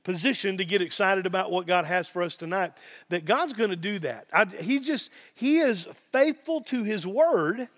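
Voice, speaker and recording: A man with an Appalachian accent giving an informal sermon as a pastor, earnest, excitable and folksy, repeating phrases for emphasis. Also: high-pitched, moderate pace. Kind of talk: sermon, informal Bible teaching.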